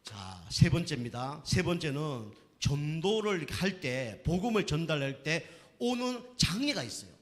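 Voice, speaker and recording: Korean pastor preaching with lively pitch. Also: male voice, normal speed, hardly any pauses. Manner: storytelling with acted quotes, emphatic repetition. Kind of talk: sermon teaching on evangelism. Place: church sanctuary. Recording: long hall reverb.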